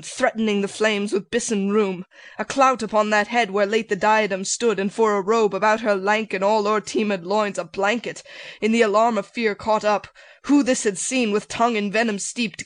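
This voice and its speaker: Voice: mid-range voice, no echo, close to an everyday voice. A reader playing a grave traveling actor who recites verse declamatorily. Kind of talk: reading a stage play.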